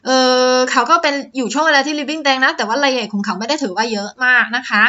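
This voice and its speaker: During a screen-share lesson, a woman teaches how to read stock charts step by step, often saying the filler "อ่า" and adding polite "นะคะ" tags. Her fairly high voice sounds pushed and bright, with the highs cut off.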